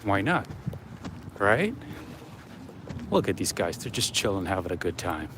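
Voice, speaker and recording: A man livestreams while walking along an urban waterfront, rambling casually to his viewers. His low voice is very animated but a little slow, set against outdoor city ambience and traffic noise.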